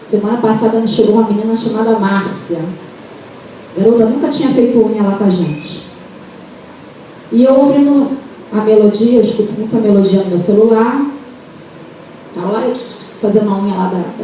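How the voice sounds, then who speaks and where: A woman's voice: mid-range voice, a little hiss or hum. Brazilian woman testifying in an echoey church. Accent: Brazilian Portuguese. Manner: animated storytelling, addresses listeners as "amados". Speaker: church member giving testimony. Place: church hall. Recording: very echoey hall, taped from far off.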